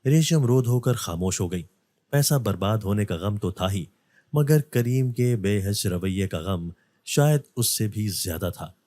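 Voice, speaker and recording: Low-voiced male storyteller, dry sound. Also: measured pace, no room sound. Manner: steady storytelling. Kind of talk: scripted story narration.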